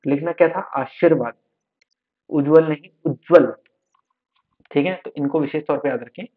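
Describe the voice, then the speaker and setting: A man's voice: fairly high pitch, fast talker, slightly rough. A slightly unwell man teaching an online exam-prep lesson, repeating each word to drill it. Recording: tinny phone-like sound.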